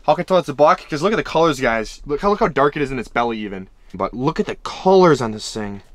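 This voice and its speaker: A young man chatting casually and excitably to the camera as a fishing vlogger inside a tent. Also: mid-range voice, fast, no echo. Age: young adult. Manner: excitable, slangy. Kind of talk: casual vlog chat. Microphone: camera a short distance away. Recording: faint noise on camera audio.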